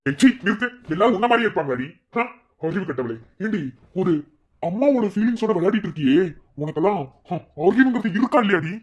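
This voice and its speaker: A man's voice: sits high, animated, quick pace, breathy edge, dull audio. An actor playing a husband who angrily scolds his wife, then pleads with her. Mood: angry. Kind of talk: TV serial dialogue.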